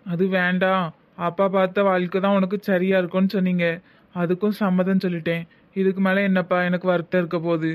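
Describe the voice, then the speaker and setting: Cartoon young son, dutiful and resigned, voiced by a man; Tirunelveli Tamil accent, high flat voice. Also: brisk, close to an everyday voice. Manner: quiet, obedient replies. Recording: tinny phone-like sound.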